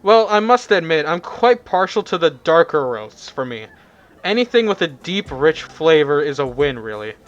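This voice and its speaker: A man voicing a polite female demon in a measured, slightly formal manner, for a visual novel reading. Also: on the high side, very animated, dull audio.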